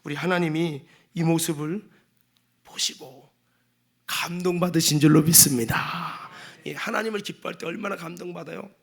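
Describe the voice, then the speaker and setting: A male pastor giving a Sunday sermon in a church, emphatic and dramatic, acting out quotes and sometimes shouting. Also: a little high, steady tone, moderate pace, gravelly. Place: church sanctuary.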